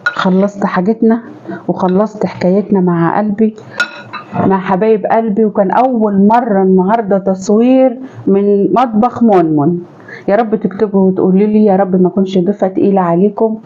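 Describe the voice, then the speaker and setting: A woman with an Egyptian accent talks to her viewers as she cooks in her home kitchen, chatty and affectionate, often turning to them fondly. Her voice is mellow and dark. The recording sounds dull and lo-fi. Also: medium pitch, steady tone, fairly quick, a little hiss or hum. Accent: Egyptian Arabic. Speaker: home cooking vlogger and mother. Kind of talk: chatty cooking vlog talk to viewers.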